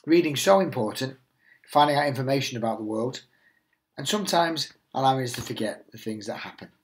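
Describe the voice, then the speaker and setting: A middle-aged headteacher reads a picture book to young children, his delivery expressive and reassuring. His voice sits at a medium pitch, and he reads a little fast.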